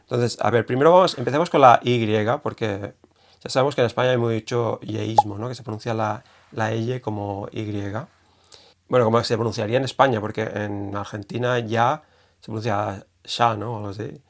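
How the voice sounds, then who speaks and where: A man's voice: on the low side, fairly even intonation, fairly quick, vocal fry. A young man from Spain with a Spanish accent from Spain, hosting a casual video lesson and thinking aloud with many fillers and restarts. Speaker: language video host.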